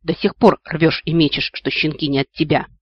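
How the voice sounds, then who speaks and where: A man doing a booming rowdy dragon ghost. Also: steady tone, moderate pace, breathy edge, no room sound, muffled recording. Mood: roaring. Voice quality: growling, booming. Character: gruff ghostly dragon ancestor, a rowdy ringleader.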